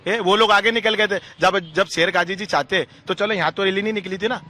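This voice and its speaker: Fast, heated man on the street. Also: sits high, steady tone, sharp tone. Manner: heated, rapid accusatory rhetoric. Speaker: local witness. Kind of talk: on-street interview. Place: busy street outdoors. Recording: faint street noise outdoors.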